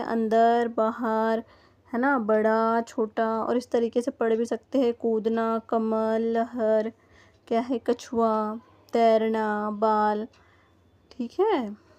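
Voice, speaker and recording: A woman's voice: fairly high pitch, flat delivery, takes it slowly, warm tone. A woman teaching a first-grade textbook lesson to young children, patiently sounding out words letter by letter. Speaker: primary school teacher. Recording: dull lo-fi recording.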